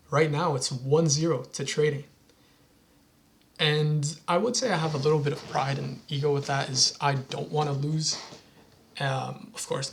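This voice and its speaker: A young man in a casual talking-head vlog, speaking earnestly and rambling with frequent restarts as he motivates himself. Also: mid-range voice. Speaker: vlogger.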